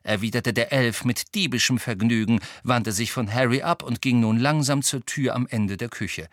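A man's voice: medium pitch, normal speed, a bit bright, no room sound. Man narrating an audiobook, dry sound.

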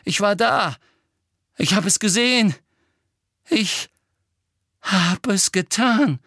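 A man's voice: medium pitch, moderate pace, creaky, breathy edge, no echo, clean studio sound. A man voicing a frightened teenage boy wizard who pants and speaks with agitated urgency. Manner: panting, agitated, insistent.

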